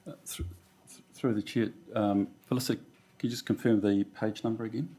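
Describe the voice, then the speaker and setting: A man's voice: on the low side, steady tone, a little fast, mellow. A man with a New Zealand accent at a council meeting, explaining finances in plain terms with everyday examples.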